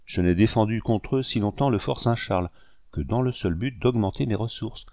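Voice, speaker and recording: A man's voice: fairly low pitch, normal speed, mellow, no echo, studio quality, natural voice. A man reading an audiobook voices a proud rebel commander who speaks with haughty, restrained menace. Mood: stern.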